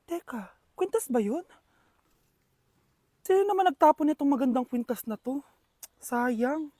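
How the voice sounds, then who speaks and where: High-voiced woman acting comedy skits. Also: animated, mellow, no room sound, studio quality. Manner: quick shifts between playful characters. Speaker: comedy skit performer.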